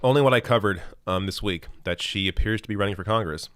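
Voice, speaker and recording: This live stream host, a man fielding super chats, is a fast talker with a lowish, fairly bright voice. As his voice goes, he clears his throat and muddles through with ums and restarts. The recording is dry.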